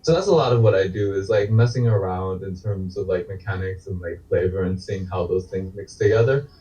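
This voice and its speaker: Low-voiced rambling man on a call. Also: fairly quick, warm tone. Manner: loose, rambling, many "like" fillers. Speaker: game designer panelist. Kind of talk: casual panel self-introduction. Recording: distant, dull lo-fi call audio.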